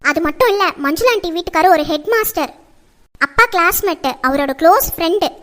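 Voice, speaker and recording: A woman playing a nagging, very high-voiced mother. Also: animated, brisk, a bit bright. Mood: persuading. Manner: scolding, lecturing. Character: nagging middle-aged mother, strict and fretful. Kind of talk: family drama acting.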